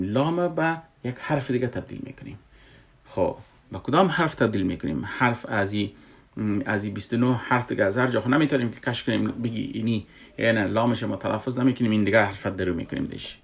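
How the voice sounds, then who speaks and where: Male recitation teacher, lowish voice, patient and repetitive explainer. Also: gravelly. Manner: patient, repeats himself, asks rhetorical questions. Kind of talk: explaining a lesson.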